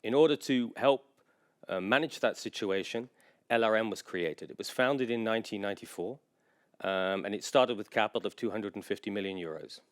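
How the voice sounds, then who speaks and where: Presenting at a conference, an English general manager speaks in a measured, informative way, his low voice smooth and resonant. Filler pauses often interrupt his sentences.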